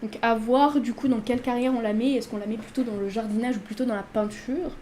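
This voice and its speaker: A woman's voice: on the high side, steady tone, quick pace, mellow, a little hiss or hum. A woman hosting a casual life-sim let's play, chatting away and talking to her character as she plays. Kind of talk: casual gameplay commentary.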